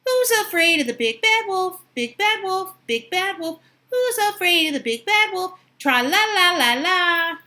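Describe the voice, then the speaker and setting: A woman's voice: very high voice, lively intonation, normal speed, sharp tone, pitched above the performer's own voice, exaggerated voice. A woman voicing carefree, boastful young male little pigs in a storybook, with a singsong, squealing manner. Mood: gleeful, mocking. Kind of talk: storybook character voices.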